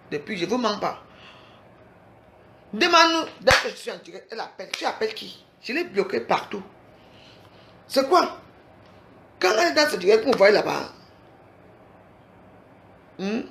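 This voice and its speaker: Gravelly, confrontational woman ranting live. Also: mid-range voice, sing-song, moderate pace, pauses often, fairly bright tone, slight background noise. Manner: confrontational, repeatedly demanding "you hear?". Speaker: livestreamer. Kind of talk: angry livestream rant.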